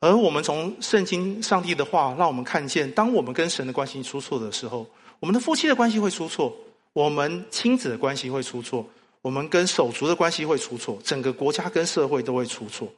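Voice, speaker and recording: A man's voice: on the high side, a little fast. A man preaching a sermon, telling stories and asking the congregation questions. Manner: animated storytelling with rhetorical questions. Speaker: pastor. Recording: long hall reverb.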